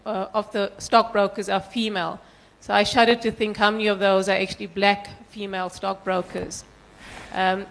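A woman with a croaky, congested frog voice, presenting statistics to a panel audience in a measured, formal way. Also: mid-range voice, fairly bright tone, low-quality recording. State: croaky from post-nasal drip. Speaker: panelist from a brokerage.

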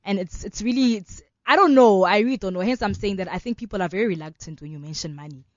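Speaking at a quick pace in a medium-pitched voice, a law student in her twenties who founded an organization answers a radio interview earnestly. She has a South African accent and talks fluently, with lots of "you know" fillers. The sound is lo-fi, with no echo.

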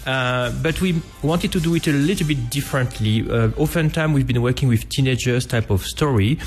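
A man's voice: mid-range voice, fairly quick, faint music behind. A middle-aged man talking conversationally as a filmmaker guest on radio, phrasing things hesitantly and thoughtfully with good-humoured asides.

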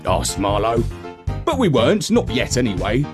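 A man narrating a children's story in a playful, expressive way. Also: medium pitch, moderate pace. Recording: narration over music.

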